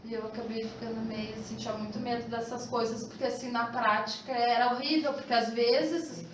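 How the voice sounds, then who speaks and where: A woman's voice: fairly high pitch, fairly even intonation, a little fast. A woman, telling a personal story in a hesitant, rambling way with many fillers. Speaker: class participant sharing a testimony. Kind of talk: personal testimony. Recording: very echoey room, distant mic, faint noise.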